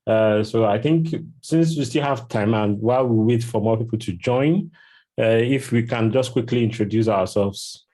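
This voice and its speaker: A man hosting an online community meeting, talking in a relaxed way with many fillers over a video call. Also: mid-range voice, normal speed. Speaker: host.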